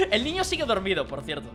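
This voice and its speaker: A streamer, casually recounting a dream in an animated, rambling way with quiet asides. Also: medium pitch.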